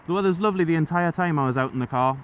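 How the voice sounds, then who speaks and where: A man's voice: on the high side, racing. A man talking inside a motorbike helmet, chatting casually and rambling along like a vlogger as he rides. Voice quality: muffled, enclosed sound of speaking inside a helmet. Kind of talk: casual chat while riding. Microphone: microphone inside a helmet. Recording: loud wind, engine and road noise.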